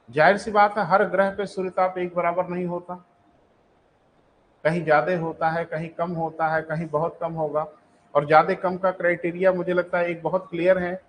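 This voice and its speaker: A man with a Hindi accent teaches geography in a live online class, his voice sitting high. He keeps quizzing the students and answering himself, calling them "beta". A faint hum of noise sits behind him. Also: low-quality recording. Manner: calls students "beta", asks and answers his own questions.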